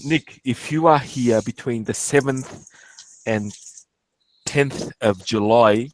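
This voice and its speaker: A man from Portugal hosting a casual online stream chat, halting and full of fillers and restarts. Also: mid-range voice, a little hiss or hum. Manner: hesitant, many fillers and restarts. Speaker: stream host.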